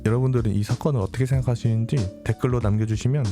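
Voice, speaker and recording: A man's voice: mid-range voice, fairly even intonation, very fast, music in the background. A young adult man hosting a true crime show, reading news items and commenting on them angrily, swearing often. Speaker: true crime channel host.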